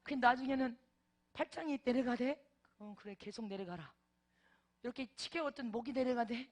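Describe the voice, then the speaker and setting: A woman's voice: fairly high pitch, normal speed. A middle-aged woman preacher telling a vivid testimony in a sermon, with many exclamations and interjections. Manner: animated storytelling with frequent interjections.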